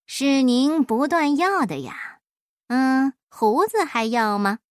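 A clever folk hero teases with calm, sly remarks, as a woman reading a storybook puts him on. The voice sits fairly high and moves slowly. The recording is dry and close. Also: dry recording. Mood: sly teasing.

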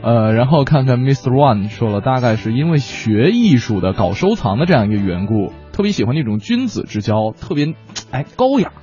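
A man's voice: mid-range voice, sing-song, a little fast, dark tone. A man co-hosting a talk show, chatting playfully and reading out listener messages. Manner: playful, jokey, teasing. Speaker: radio co-host. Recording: dull lo-fi sound with faint music.

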